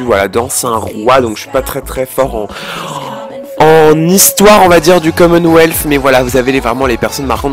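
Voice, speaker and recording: A French teenage boy from France narrating his travel vlog in a chatty way, full of fillers and restarts. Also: mid-range voice. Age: teens. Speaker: travel vlogger. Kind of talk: casual travel vlog voice-over.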